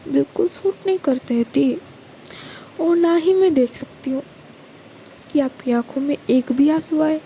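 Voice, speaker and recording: A woman narrator takes on Vrinda, a caring young woman in a storybook romance. She soothes and gently teases her worried sister in a high, mellow voice. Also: slight background noise, poor audio. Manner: reassuring and playful.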